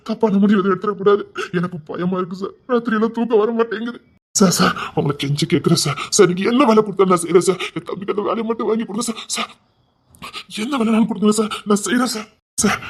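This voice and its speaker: A man voicing a desperate elder brother, a former bodyguard, who begs over and over with emotion, in a Tirunelveli Tamil accent. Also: high voice. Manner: begging, repetitive, emotional.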